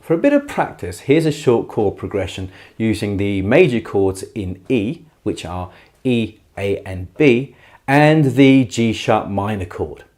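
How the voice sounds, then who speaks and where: A man giving a beginner guitar tutorial in a careful, unhurried way, patiently and reassuringly explaining each step. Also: fairly low pitch, lively intonation, a little mellow. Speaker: guitar teacher. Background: acoustic guitar playing.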